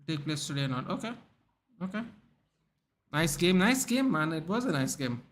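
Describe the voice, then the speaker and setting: This young livestream host from Goa, speaking with an Indian English accent, sounds very animated in a fairly high voice at normal speed. He casually chats with viewers by name, reads their comments aloud, and keeps restarting, with plenty of "dude" and "man." Slight background noise is present.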